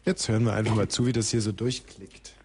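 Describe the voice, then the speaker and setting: A man's voice: lowish voice, steady tone, fast, darkish tone, a little hiss or hum. A man hosting live radio, joking and laughing as he narrates the studio chaos play-by-play. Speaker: radio host.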